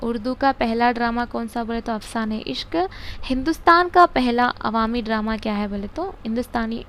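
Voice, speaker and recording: Young female teacher, higher voice, repeats key words and quizzes students, faint room hum. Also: lively intonation, normal speed, a bit bright. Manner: repeats key words and stops to check answers. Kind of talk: explaining grammar and literature to students.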